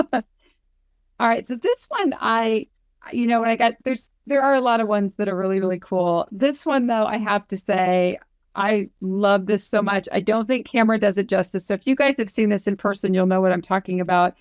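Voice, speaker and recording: A woman talks eagerly in a casual chat, laughing easily. Her pitch sits in a middle range. The recording is dry and close. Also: clean tone, no room sound. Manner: enthusiastic, quick to laugh. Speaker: guest collector.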